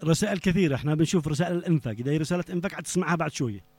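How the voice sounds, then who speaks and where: Fast-talking Yemeni radio host, high voice. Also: male voice, darkish tone, dry recording. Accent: Yemeni Arabic. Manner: fast, talks over callers. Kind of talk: live radio call-in show.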